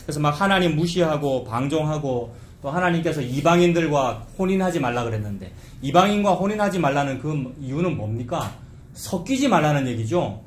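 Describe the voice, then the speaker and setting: A man's voice: a little high, lively intonation, a little fast, a little hiss or hum. A man preaching an expository sermon, talking in a conversational way and asking the congregation questions. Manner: acts out quoted complaints in a mocking dialect voice. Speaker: pastor. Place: church sanctuary. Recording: echoey church room, faint ambience.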